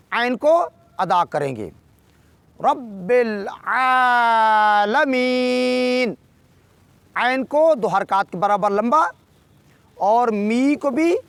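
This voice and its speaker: High-voiced man teaching Quran recitation. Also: a bit bright, dry recording. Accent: Pakistani Urdu. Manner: explains, then recites words slowly and drawn out. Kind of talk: tajweed lesson with slow demonstrations.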